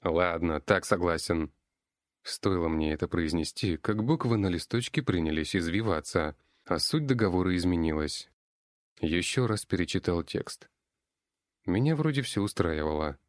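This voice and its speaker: A man reads an audiobook in a steady, even way. His voice is low and the recording is dry and close, with no room sound. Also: normal speed, dry recording. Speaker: narrator. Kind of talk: audiobook reading.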